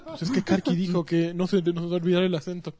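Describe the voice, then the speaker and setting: A man's voice: sits high, quick pace, dark tone. A man with a Mexican accent co-hosting a podcast in casual, joking chat. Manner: joking, teasing banter. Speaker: podcast co-host.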